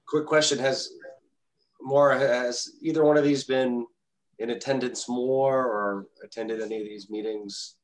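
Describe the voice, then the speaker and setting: Man, board member, mid pitch, brief, asks a quick question. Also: steady tone, poor audio. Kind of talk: public meeting discussion.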